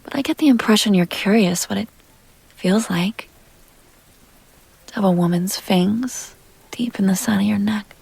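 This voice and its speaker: The recording is dry, carrying a woman's mid-range voice as she portrays a refined, seductive vampire heiress in intimate roleplay. Her mood is tender and coaxing, her speech soft, unhurried and genteel, punctuated by breathy teasing remarks that often become whispers.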